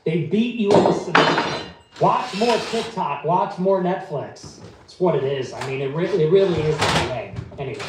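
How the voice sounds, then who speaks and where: A livestream host rambles in a blunt, sarcastic way, his voice sitting high for a man. He is well off the mic in a very echoey room. Heavy noise hisses underneath. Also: animated, moderate pace, few pauses. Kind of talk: casual ranting monologue. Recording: echoey, distant, noisy room.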